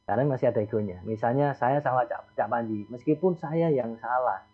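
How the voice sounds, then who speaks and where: A man, a psychologist guest calmly explaining ideas on a call-in radio show, repeating his key points. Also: medium pitch, brisk, slightly rough. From East Java. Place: outdoors near a beach. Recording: tinny phone line.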